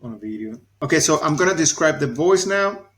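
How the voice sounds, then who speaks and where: A man in his forties with a soft Venezuelan accent, talking casually through a software tutorial and thinking aloud as he clicks. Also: a little high, expressive, fairly quick. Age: 40s. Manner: chatty, laughs easily, thinks aloud while clicking. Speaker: YouTube tutorial host. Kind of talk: casual screen-recorded tutorial.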